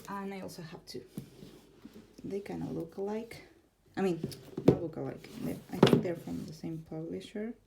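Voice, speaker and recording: Speaking in a fairly low, creaky voice with a steady tone and moderate pace, a woman from Argentina talks casually about her tarot decks, laughing frequently. She's a tarot vlogger recording in a room at home with an Argentine Spanish accent. The recording is very noisy, with a neighbor's car audible outside.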